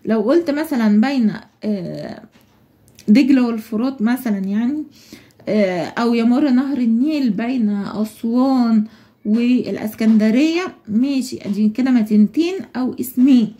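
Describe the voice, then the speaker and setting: A high-pitched Egyptian woman teaching a primary school lesson, her voice mellow and soft-edged. She goes through the material patiently and step by step, putting questions to the class and answering them herself. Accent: Egyptian Arabic. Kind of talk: explaining a schoolbook lesson to young children.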